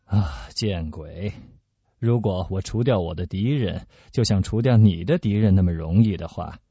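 A man voicing a cold, powerful male cardinal in radio storytelling, measured and dismissive. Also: low voice, mellow, husky, no room sound. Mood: scheming. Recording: dull lo-fi recording.

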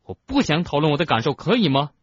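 A man voicing an angry, grieving teenage boy who shouts in trembling, forceful bursts, in an audiobook. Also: medium pitch, wildly swooping pitch, normal speed, breathy edge, dull audio, heavily acted. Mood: furious. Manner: raised, trembling, forceful outbursts.

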